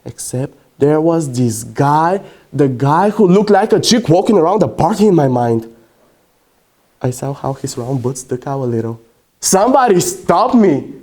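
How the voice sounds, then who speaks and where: A young man whose first language is Bulgarian, playing a brash, self-mocking young womanizer in a competitive prose interpretation, with dramatic storytelling and sudden loud outbursts. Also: a little high, big pitch swings, a little slow. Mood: wry, bemused.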